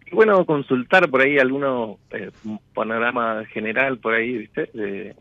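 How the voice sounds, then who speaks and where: A man's voice: mid-range voice, normal speed, sharp tone, muffled recording. A man speaking hesitantly and in a roundabout way as a caller in a personal consultation. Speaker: caller seeking a tarot consultation.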